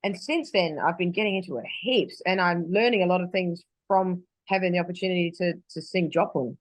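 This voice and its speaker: Speaking fairly quickly in a fairly low voice, an Australian woman singer chats as an interview guest on a video call. The conversation is casual and rambling, full of fillers and restarts, and the recording is dry.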